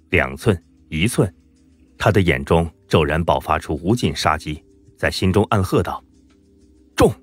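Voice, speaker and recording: A man narrating a fantasy web novel as an audiobook reader, in a dramatic, emphatic storytelling manner. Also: low-pitched.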